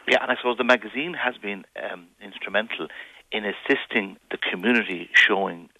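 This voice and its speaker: Creaky, bright west of Ireland man. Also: on the low side, a little fast, no room sound, low-quality recording. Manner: wordy, formal, listing points. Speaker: interview guest. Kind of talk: radio interview talk.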